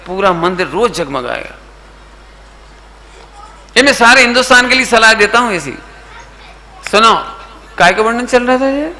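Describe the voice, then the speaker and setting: A middle-aged man giving a sermon to a youth camp, asking his listeners questions, mixing in English words, and now and then slowly singing a line of verse. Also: high-pitched, sharp tone, slight background noise. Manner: asks the audience questions and coaxes answers; sings verse lines slowly. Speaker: Jain preacher.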